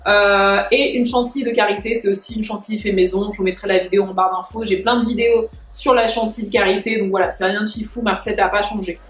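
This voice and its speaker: A young woman, a little sick, chatting casually through a hair tutorial at home, pausing often with fillers. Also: mid-range voice, steady tone, echoey room. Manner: chatty, many filler pauses. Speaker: hair care vlogger. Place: home, washing machine spinning nearby.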